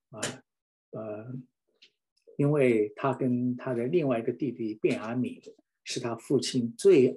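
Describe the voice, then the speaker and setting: A man's voice: mid-range voice, darkish tone, slight background noise. A middle-aged man preaching a sermon with fervent emotion, repeating phrases for emphasis.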